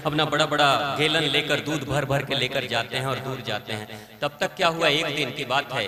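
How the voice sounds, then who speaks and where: A man giving a live spiritual discourse, telling homely stories in an animated way before an audience. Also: fairly high pitch. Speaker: spiritual preacher. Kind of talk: live religious discourse with storytelling. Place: large hall with audience. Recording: echoey hall with audience.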